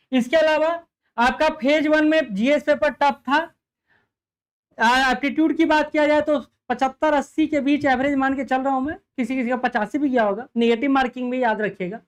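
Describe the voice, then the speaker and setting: A man's voice: very high voice, smooth. A man, a coaching teacher giving an emphatic exam analysis lecture and speaking directly to students. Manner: emphatic, repeats figures, addresses students directly.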